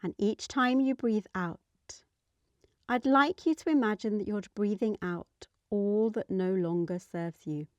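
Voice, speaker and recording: A woman with a mid-range voice guides a meditation, soothing and gentle, letting her phrases trail off softly. The recording is dry.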